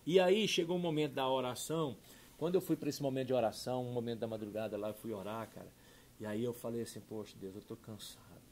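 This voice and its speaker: A middle-aged man, a pastor telling a heartfelt personal testimony, dropping soft and low then rising loud and excited. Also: fast talker, slight background noise. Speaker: pastor and podcast guest.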